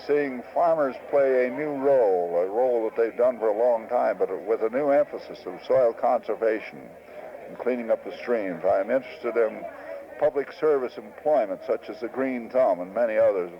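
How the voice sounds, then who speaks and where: Man, 60s, low-pitched, earnest and reflective interviewee, halting with fillers; old muffled tape. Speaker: interviewee, former farm organization leader. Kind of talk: recorded interview.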